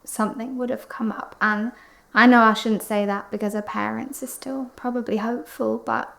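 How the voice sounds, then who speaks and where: A woman playing a grieving young friend in a mock-documentary interview, hesitant and subdued, with a creaky voice. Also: a little high, steady tone, moderate pace, a bit bright. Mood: subdued, resigned.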